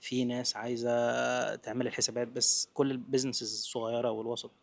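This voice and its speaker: A young Egyptian man speaks very rapidly in natural, unscripted talk. His voice sits at a medium pitch, and he addresses the listener informally and directly, like a friend, dropping English terms into his Egyptian speech. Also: little pitch movement, gravelly. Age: 20s. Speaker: vlogger giving business advice.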